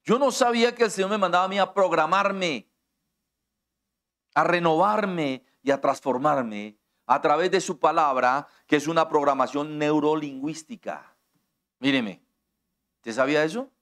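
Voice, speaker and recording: Colombian pastor preaching, slightly high voice. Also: male voice, lively intonation, a little slow, pauses often, a bit bright. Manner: direct, conversational preaching that addresses listeners personally; explains with everyday examples and acts out quoted dialogue. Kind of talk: sermon.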